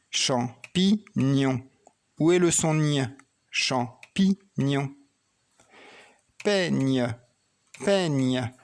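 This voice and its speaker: A man teaching a child to read and write, patiently talking through each pen stroke and spelling words letter by letter. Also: mid-range voice. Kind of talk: slow handwriting and phonics lesson for children.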